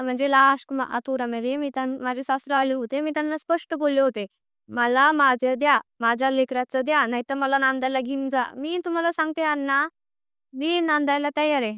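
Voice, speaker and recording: A young woman with a high voice and sharp tone speaks a little fast, pleading insistently over a personal grievance during a recorded private phone call. Emotional and aggrieved, she keeps repeating herself, on a dry, clean studio recording.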